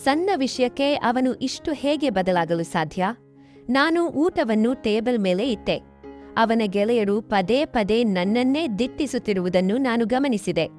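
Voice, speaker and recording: A woman storyteller with a slightly high voice reads a scripted first-person family story. Her delivery is steady and unhurried, and faint music plays behind her.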